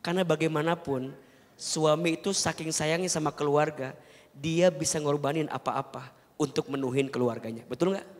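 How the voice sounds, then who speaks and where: A man preaching a televised sermon, earnestly advising and keeping the audience engaged with rhetorical questions. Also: medium pitch. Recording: long hall reverb.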